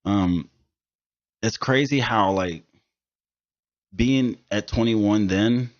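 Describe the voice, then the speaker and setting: A man in his thirties hosts a casual podcast, talking in an emphatic, profane storytelling way. His voice sits low. The recording is dull and lo-fi. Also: drawn-out words. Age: 30s. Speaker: podcast host.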